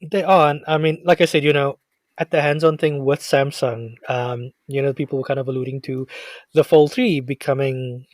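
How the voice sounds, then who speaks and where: A man's voice: mid-range voice, no echo. A South African man hosting a casual tech podcast, chatting and bantering animatedly with his co-host. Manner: animated, jokey, quick to banter.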